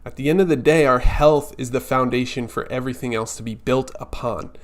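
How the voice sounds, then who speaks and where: A man's voice: medium pitch, a little fast. A man hosting a weekly live stream, talking casually and earnestly, reassuring viewers directly.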